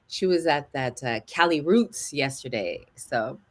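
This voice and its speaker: Woman co-host, low voice, chatty, upbeat, casual banter. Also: lively intonation, unhurried. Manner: chatty, upbeat, greets listeners by name. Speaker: radio co-host. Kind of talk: casual chat.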